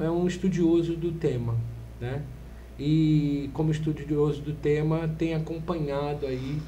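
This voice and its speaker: A man's voice: on the high side, dark tone, slight background noise. A man with a Brazilian Portuguese accent hosting a podcast, giving formal introductions and prompting his guest with questions. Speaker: podcast host. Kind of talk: podcast interview. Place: podcast studio.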